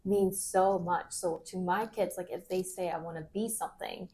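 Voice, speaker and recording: A woman's voice: fairly low pitch, fairly even intonation, normal speed, darkish tone. Chatty young woman podcast host. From Korea. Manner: chatty, laughs easily, lots of "like". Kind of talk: casual chat.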